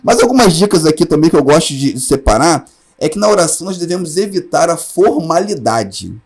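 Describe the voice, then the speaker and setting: A man's voice: a little high, sing-song, brisk, husky. A man from Brazil giving an online class to teachers, with earnest advice aimed straight at his listeners. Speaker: teacher trainer.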